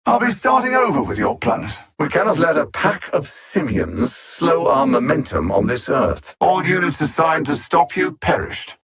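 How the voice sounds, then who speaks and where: A cold, arrogant alien machine-intellect supervillain from a video game delivers scripted dialogue of formal, condescending threats in a haughty, mocking tone of cold disdain. His husky, gravelly voice is a little high and a bit bright, sliding widely up and down. It's a very animated, full character performance at normal speed with hardly any pauses.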